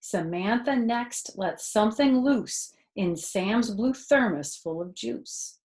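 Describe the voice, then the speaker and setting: In a living room, a grandmother in her fifties reads aloud to children at a slow pace, her voice sitting in the mid range. She reads expressively, stopping for simple asides, explaining words in plain terms and asking the children questions.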